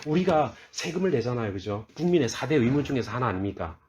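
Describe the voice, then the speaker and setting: A man's voice: medium pitch, very animated, fast talker. A man preaching a sermon as a pastor, asking his listeners questions and answering them himself, and raising his voice to read scripture aloud. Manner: reads scripture aloud in a raised, forceful voice.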